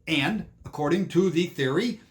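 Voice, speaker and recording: Guy ranting on in a monologue, kinda high voice, keeps repeating himself. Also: animated, normal speed. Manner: rambling, repeats words and restarts. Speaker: commentator. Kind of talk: monologue commentary.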